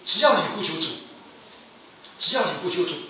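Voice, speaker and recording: A man preaching a sermon with emphatic delivery, his voice rising to loud pleas and falling low again. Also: animated, a little fast, a little hiss or hum. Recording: echoey hall from a distance.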